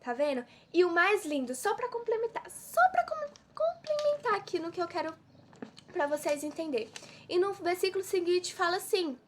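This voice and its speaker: A woman's voice: very high-pitched, lively intonation, brisk, background noise. A woman from giving an informal devotional sermon, always throwing rhetorical questions at her listeners. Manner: preachy, full of rhetorical questions. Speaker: preacher.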